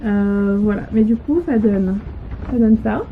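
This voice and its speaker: A woman's voice: a little slow, a little hiss or hum. A woman chatting casually about her crochet and knitting projects at home, hesitant and full of fillers. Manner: hesitant, full of "euh" and restarts. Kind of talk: casual show-and-tell chat. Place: home, on a sofa. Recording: tinny low-quality home audio.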